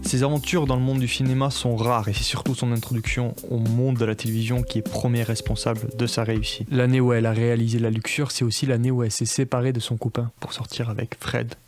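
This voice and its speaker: Flat deadpan man narrating with sardonic humor. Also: mid-range voice, fast, few pauses, faint music behind. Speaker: video essayist. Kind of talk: scripted commentary narration.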